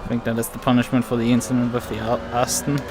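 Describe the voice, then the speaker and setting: A man talks casually through his own sim race as he drives, at a medium pitch. Race car engine noise is clearly heard behind his voice. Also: completely flat delivery, fast talker. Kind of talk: casual live race commentary while driving.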